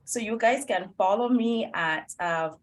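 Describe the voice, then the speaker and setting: A woman's voice: mid-range voice, a little slow, a little hiss or hum. A woman from Barbados, a guest on a podcast, giving encouraging, preacher-like motivational advice. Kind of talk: motivational interview talk.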